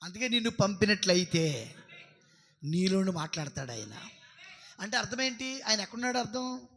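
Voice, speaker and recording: A man with a Telugu accent preaching a church sermon as pastor. He asks the congregation questions and builds to loud, emphatic peaks. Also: sits high, sing-song, moderate pace, a little hiss or hum. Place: church service.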